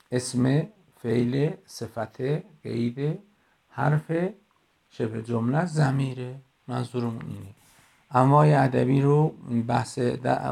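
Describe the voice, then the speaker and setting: A man, middle-aged, teaching a class in a recorded voice message on a phone, explaining slowly and going through examples one by one. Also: medium pitch, vocal fry, darkish tone, husky. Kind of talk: recorded lecture.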